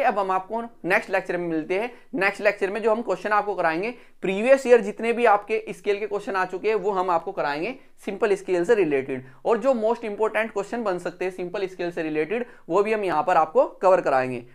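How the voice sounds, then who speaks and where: A man's voice: sits high, fairly quick, hardly any pauses. A man teaching an engineering drawing lesson step by step. He repeats each instruction and asks his students questions, then answers them himself.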